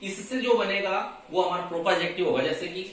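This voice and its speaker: A man with a high, brisk, slightly bright voice teaches an English grammar lesson step by step, asking and answering his own questions. He's recorded from a distance in an echoey room with slight background noise.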